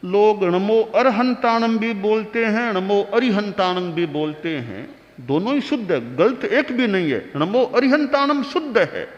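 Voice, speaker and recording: A man giving a slow religious discourse, teaching pronunciation and chanting mantras softly. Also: high voice, sing-song, highs cut off. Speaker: Jain monk preacher. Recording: long hall reverb.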